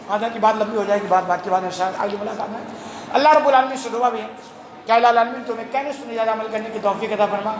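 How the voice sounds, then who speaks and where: A man's voice: very high-pitched, roomy sound, a little hiss or hum. A man preaching a Friday sermon as imam, emphatic, with rhetorical questions and a voice that rises sharply on key points.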